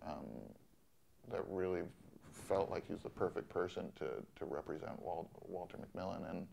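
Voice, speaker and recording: A man in his forties, a film director, speaking thoughtfully in an interview with many pauses and restarts. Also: deep voice, steady tone, gravelly, a little hiss or hum. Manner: soft-spoken, thoughtful, with many ums and restarts. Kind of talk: interview conversation. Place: studio in Los Angeles.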